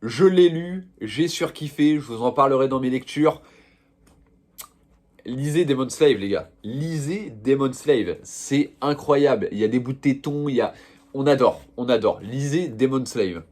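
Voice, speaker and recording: A man's voice: medium pitch, unhurried, darkish tone. A young man showing off his manga purchases in a casual, slangy, rambling chat full of fillers. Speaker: manga vlogger.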